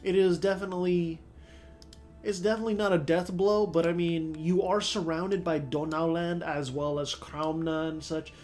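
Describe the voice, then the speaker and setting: A man with a sore throat and stuffy nose provides casual let's-play commentary on a strategy game over soft background music. His fairly high, slightly mellow voice stays steady at a moderate pace while he rambles, thinks aloud, and uses many fillers.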